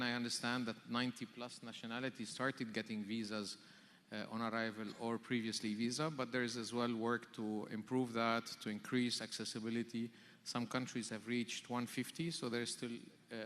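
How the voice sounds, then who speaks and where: A man answering on a conference panel, steady with frequent fillers. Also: mid-range voice, moderate pace. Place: large conference hall. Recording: reverberant conference hall.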